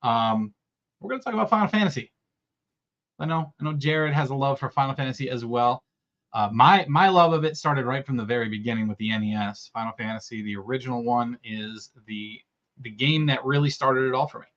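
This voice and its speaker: A man's voice: medium pitch, a little fast, fairly bright tone. A man co-hosting a casual gaming podcast over a faulty microphone, his voice muffled as if he were inside a fishbowl. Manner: loose and chatty, with fillers. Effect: muffled sound, as if inside a fishbowl. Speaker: podcast co-host. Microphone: faulty headset or desk mic on a call. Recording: dull muffled lo-fi mic.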